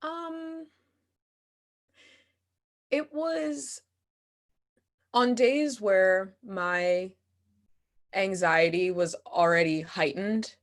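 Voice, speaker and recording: Her voice mid-range, drawing out words and pausing often, a young actor and playwright chats candidly while answering questions. The casual Q&A finds her giggly and self-deprecating.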